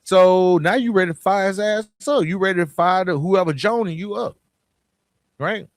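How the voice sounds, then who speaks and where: Recorded cleanly in a studio without room sound, a man with a high voice talks at normal speed. He hosts a podcast, and his informal motivational monologue carries a Southern Atlanta accent, conversational and forceful, with frequent repetition and questions.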